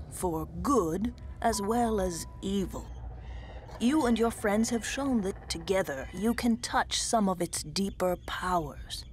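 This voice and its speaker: A woman's voice: medium pitch, a little mellow, slight background noise, natural voice. An actress playing a mysterious old female troll mentor in a cartoon, solemn and commanding, speaking grandly like a drama teacher. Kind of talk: animated cartoon dialogue.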